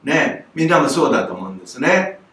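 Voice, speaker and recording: A man's voice: medium pitch, big pitch swings, fairly quick, fairly bright tone, distant mic. An older Japanese man, a music teacher, giving a lesson to camera and acting out sounds with strong breath. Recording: roomy echo, voice from off the mic, faint noise.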